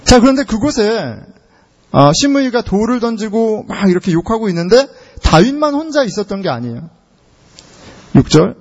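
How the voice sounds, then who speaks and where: A male pastor with a high, swooping voice preaching to his congregation, telling the story with lots of rhetorical questions. The sound is dull and lo-fi. His words ring out with a long reverb, as if in a large church hall. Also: big pitch swings, normal speed. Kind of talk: sermon.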